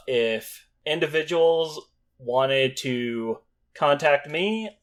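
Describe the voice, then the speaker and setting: A man speaking as the game master of a tabletop role-playing game. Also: mid-range voice. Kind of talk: scripted scene narration, then casual chat.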